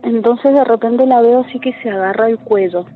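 A woman's voice: on the high side, a little fast. A woman, a caller telling a true story in a chatty way with lots of tag questions. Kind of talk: casual storytelling. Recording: tinny phone line with faint noise.

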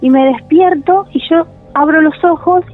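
A woman with a Rioplatense Spanish accent telling a personal story as a caller, halting and restarting, her voice wavering with emotion. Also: high-pitched, soft background music. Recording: phone line.

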